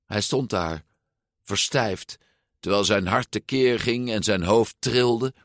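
Male storyteller, slow, expressive, lowish voice, dry close sound. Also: no room sound. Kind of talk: storybook read-aloud narration.

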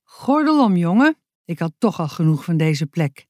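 A woman voicing a calm, friendly and very strong father in a children's storybook reading, talking in an unruffled, polite way. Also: lowish voice, normal speed, no echo, studio quality.

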